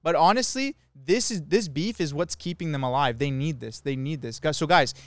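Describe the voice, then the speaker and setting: A man's voice: a little high, moderate pace, dry recording. A young man chatting casually as a podcast host, telling stories in slangy, exclamatory bursts. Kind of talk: casual joking podcast storytelling.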